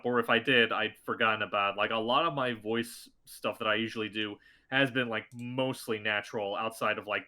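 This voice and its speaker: Chatting on a podcast as a guest, a man who works as a voice actor spins rambling, filler-heavy stories. He has a fairly low pitch and a bright, forceful tone.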